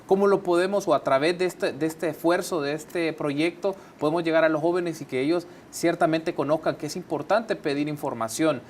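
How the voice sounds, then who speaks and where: A man's voice: fairly high pitch, brisk, few pauses, slight background noise. A male TV host, asking long, winding questions. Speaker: TV interview host. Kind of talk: TV interview questions.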